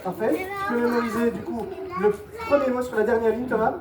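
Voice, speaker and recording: Working a live crowd briskly, a female mentalist coaxes volunteers through a mind-reading routine with playful, patient repetition of her instructions. Her mid-pitched voice is picked up from afar in a roomy, echoing venue with constant audience noise.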